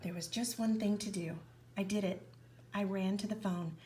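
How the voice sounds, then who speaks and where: A woman reading a children's picture book aloud, with expressive narration that often drops to a whisper. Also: medium pitch, normal speed, very noisy. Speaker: reader.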